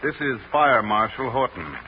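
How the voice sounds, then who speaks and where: A man plays a tough police sergeant in a vintage radio crime drama. He is blunt, accusing and commanding, at a middling pitch, on a dull recording with faint noise. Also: expressive, normal speed, lightly acted. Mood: stern, interrogating. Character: hard, blunt male homicide police sergeant. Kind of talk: old-time radio crime drama acting.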